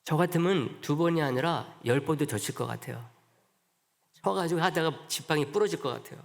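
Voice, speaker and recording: A man preaching a sermon as pastor. He asks the congregation rhetorical questions, swings up to loud emphatic peaks and drops low and soft again. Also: fairly quick, gravelly. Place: church sanctuary. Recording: long reverb of a church sanctuary.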